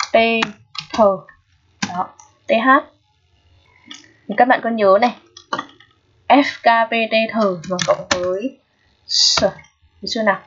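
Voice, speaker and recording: A woman's voice: fairly high pitch, noisy background. A woman teaching an English exam review lesson, patient and repetitive, often checking that students understand. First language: Vietnamese. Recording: dull lo-fi recording.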